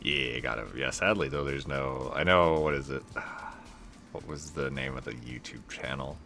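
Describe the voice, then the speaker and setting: A man's voice: very deep voice, moderate pace, pushed and bright, soft background music. A young man giving casual, rambling, laid-back gameplay commentary as a let's play host.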